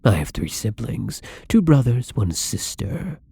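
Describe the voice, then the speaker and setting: For intimate ASMR roleplay acting, a man voices a timid, hungry, newly turned young vampire who is apologetic and bitter. His medium-pitched delivery is gravelly, husky and breathy, sing-song and exaggerated, slow, soft and hesitant, often slipping into whispers, captured in a dry recording.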